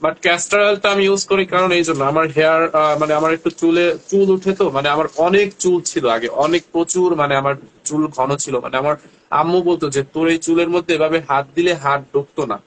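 A man's voice: on the high side, fairly even intonation, a little fast, a bit bright, poor audio. Chatty young man hosting a livestream. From Barishal, Bangladesh. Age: young adult. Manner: chatty, addresses viewers directly, many fillers. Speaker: live sales host. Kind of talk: casual livestream selling.

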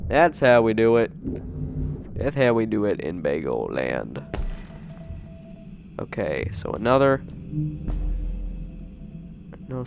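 Slow-talking man playing a game. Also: mid-range voice. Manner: jokey, excitable, talks to himself. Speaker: gaming channel host. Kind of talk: let's play commentary.

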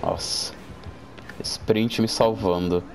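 A young man with a Brazilian Portuguese accent, casually commenting on his gameplay, excitable and joking, a bit groggy from medication. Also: lowish voice, extremely slow, vocal fry, slight background noise. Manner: excitable, yelps and jokes at the game. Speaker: gameplay streamer.

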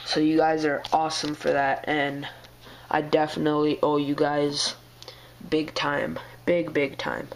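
Man with a sore, strained throat, slow and easygoing, talking loosely with plenty of fillers into a handheld camera. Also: fairly high pitch, monotone, vocal fry, a little hiss or hum. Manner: laid-back, rambling, full of fillers and slang. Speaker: aquarium hobbyist vlogger. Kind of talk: casual video update.

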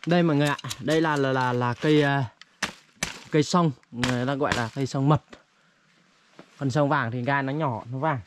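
A man's voice: mid-range voice, fairly even intonation, a little fast, long pauses. A man chatting casually as an outdoor vlogger, hesitating and repeating words as he talks to viewers. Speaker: vlogger, host. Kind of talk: casual outdoor vlog chat while walking. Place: outdoors in forest. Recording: outdoor recording with faint noise.

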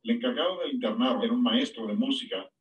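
A man preaching a sermon, with sudden high-pitched emphasis on key words. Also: lively intonation, fast, distant mic, a little hiss or hum, low-quality recording. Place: church.

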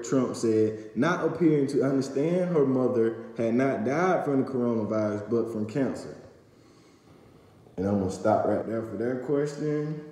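Filming himself on a phone at arm's length in a small, echoey home room with long reverb, a young man reads a news recap to camera. His voice is medium-pitched with a dark tone, and he stumbles and uses fillers.

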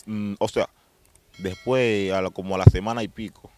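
A young man telling his testimony in a rapid, streetwise way, often asking if he's understood. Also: on the low side, steady tone, darkish tone, dry recording, faint music behind. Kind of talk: casual storytelling testimony.

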